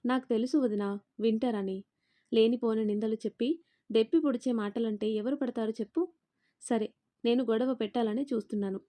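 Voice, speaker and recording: A woman voicing a bold young daughter-in-law in a spoken family story, firm and confrontational, speaking up loudly. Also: a little high, steady tone, brisk, lightly acted. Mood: defiant.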